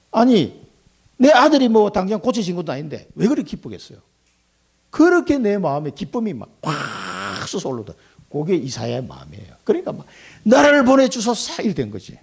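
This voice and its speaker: A middle-aged male pastor preaching a sermon, acting out prayers and replies in lively quoted voices. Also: a little high, a little fast, husky. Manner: animated, acts out prayers and God's replies in quoted voices, chuckles.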